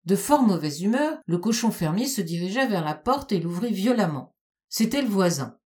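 A woman reads a children's story aloud with a warm, mellow tone. Her narration is calm and steady. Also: medium pitch, normal speed.

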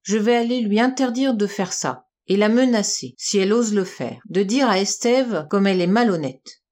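A kind, protective father, voiced by a woman reader speaks with firm indignation. His lines come out steady and decided. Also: medium pitch, normal speed, lightly acted. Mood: indignant.

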